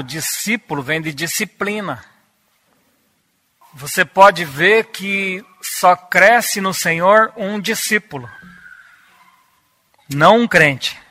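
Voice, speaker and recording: A man delivers a teaching sermon at an unhurried pace. His voice sits a little high and sounds bright and crisp. He speaks deliberately and repeats key words for emphasis. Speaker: preacher.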